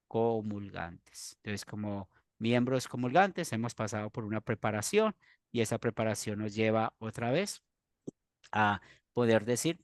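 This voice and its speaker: A man, a pastor teaching a church doctrine class in an earnest, explanatory way with pauses and restarts. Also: fairly low pitch, no echo, clean studio sound.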